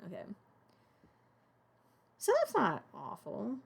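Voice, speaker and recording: A woman's voice: mid-range voice, huge pitch swings, slow, vocal fry, husky. A young woman streaming as she animates a puppet, chatting casually and muttering to herself as she works. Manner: rambling, talks to herself and chat, mutters. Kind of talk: casual live-stream chat while animating.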